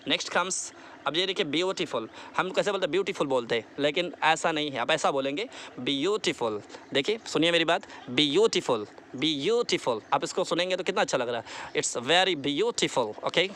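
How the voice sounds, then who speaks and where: A man teaching a spoken lesson, repeating words slowly for practice and mixing into his explanations. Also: on the high side, sharp tone, slight background noise. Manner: mixes English into explanations. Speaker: English teacher.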